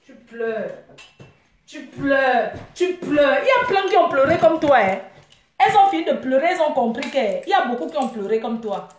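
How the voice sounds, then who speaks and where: A young woman with a high-pitched voice delivers a scornful, taunting rant straight to camera. Her talk is full of mocking jabs and dismissive asides. The sound bounces around an echoey room. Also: animated, fast. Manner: mocking, scornful, with frequent laughs. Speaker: vlogger.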